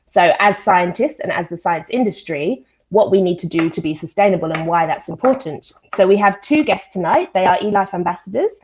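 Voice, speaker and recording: On a video call with dull, lo-fi audio, a woman who volunteers as a science event presenter hosts an informal live panel in a chatty way. Her darkish voice is on the low side with lively intonation, and she talks briskly with hardly any pauses.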